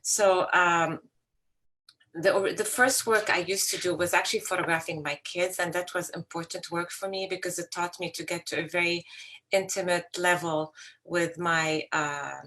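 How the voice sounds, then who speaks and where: A middle-aged woman from Lebanon speaks as an invited artist. Her voice sits a little low, and she talks in a relaxed, conversational way, often restarting her sentences. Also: normal speed. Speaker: artist guest. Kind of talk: casual spoken talk about her work.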